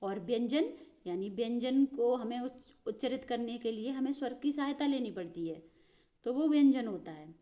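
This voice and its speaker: Woman teacher, warm and mellow, patient step-by-step explainer. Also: a little high, animated, normal speed. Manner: explains step by step, addresses viewers as friends. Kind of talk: Hindi grammar lesson.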